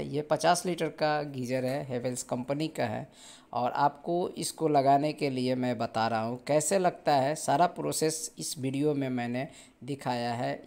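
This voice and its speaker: A man's voice: medium pitch, vocal fry, a little mellow. A young man, a plumber, explaining step by step how to fit a water heater while he works in a bare indoor room, recorded on a camera-phone mic. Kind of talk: how-to tutorial narration.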